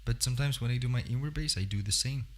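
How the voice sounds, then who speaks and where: A beatbox streamer chats casually on a livestream about technique, often cutting himself off mid-sentence to demonstrate sounds. He has a mid-range voice and talks fast.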